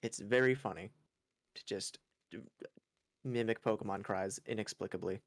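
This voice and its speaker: Streaming a game, this man talks at normal speed in a fairly low voice. His casual chat is rambling and yawny, full of self-mockery.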